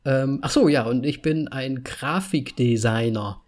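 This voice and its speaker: Slightly slow and a little mellow, this man's mid-range voice belongs to a podcast co-host in his late thirties. He rambles in easy conversation and laughs a lot.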